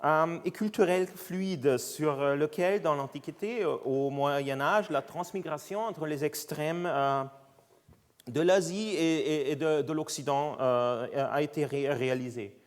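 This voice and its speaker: Halting man lecturing in foreign-accented French. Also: on the high side. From Austria. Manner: halting, searching for words in a non-native language. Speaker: visiting scientist giving a guest lecture. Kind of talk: academic lecture. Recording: lecture hall with long reverb.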